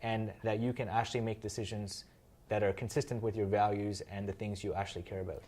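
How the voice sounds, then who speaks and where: A man in his thirties from Kenya, a guest in an interview, explaining his work in a measured way with frequent "um" fillers. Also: lowish voice, level tone, a little mellow. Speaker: interview guest, social finance founder. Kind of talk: conversational interview answers.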